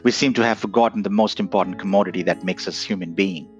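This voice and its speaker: A man's voice: low voice, fast. A man from Nepal giving a reflective, earnest talk, often asking "right?". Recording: dull lo-fi audio with faint guitar.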